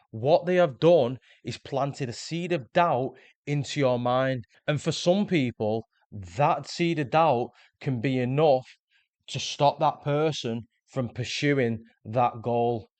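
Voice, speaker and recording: A self-improvement video host with a mid-range voice delivers a scripted motivational monologue in a dry recording. He explains his ideas earnestly, repeating words whenever he restarts a phrase.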